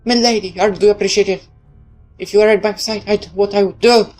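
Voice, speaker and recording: A woman's voice: fairly even intonation, a little fast, darkish tone, faint music behind, lightly acted. A woman voicing a devoted, anxious female retainer in a game story, earnest and deferential toward her lady. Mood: worried, grateful. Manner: earnest, deferential, higher-pitched.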